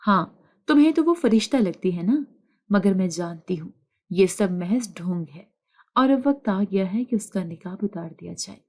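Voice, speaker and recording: A woman's voice: mid-range voice, lively intonation, darkish tone. A woman voicing a scheming, spiteful older mother-in-law who scolds and taunts, read in a storybook narration.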